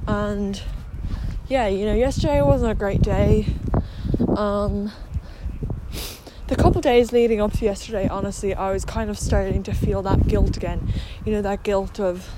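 A woman's voice: mid-range voice, fairly even intonation, moderate pace. A woman with a slight lisp from wearing a retainer, speaking candidly and hesitantly in a casual confessional podcast monologue recorded outdoors on a walk. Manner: hesitant, candid, with mild swearing. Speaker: podcast host. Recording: noisy outdoor walking recording.

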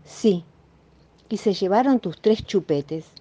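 A woman's voice: medium pitch, animated, takes it slowly, dark tone. A woman voicing a cheerful, teasing mother with a Rioplatense accent, in a sing-song, mock-sorry manner. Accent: Rioplatense Spanish. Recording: dull muffled recording.

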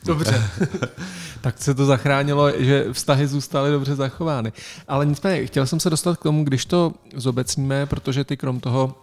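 A man's voice: mid-range voice, steady tone, darkish tone. A man interviewing a guest in a casual way, asking long rambling questions.

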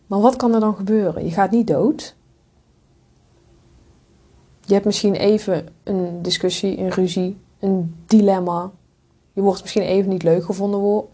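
Her voice is warm and of medium pitch as this podcast host and coach delivers a straight-talking motivational monologue. The advice is blunt and candid, peppered with cursing and the odd aside in English.

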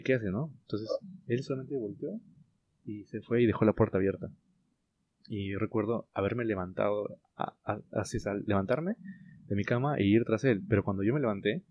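A low-voiced man tells a story in relaxed conversation, pausing often and restarting his sentences. The recording is dull and lo-fi, as if captured on a cheap microphone. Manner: hesitant, many fillers and restarts. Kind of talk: casual chat. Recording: lo-fi muffled sound.

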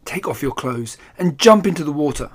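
A man's voice: high-pitched, sing-song, a little slow, pitched above the performer's own voice, heavily acted. A man voicing a cunning, bossy male talking cat in a storybook reading, purring and scheming. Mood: commanding.

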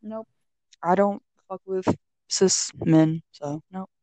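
A woman's voice: medium pitch, fairly even intonation, slow pace, warm tone, dry recording. A young woman from Texas telling anecdotes in casual chat, slangy and blunt, acting out what people said. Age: young adult. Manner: slangy, blunt, swears freely, quotes people animatedly.

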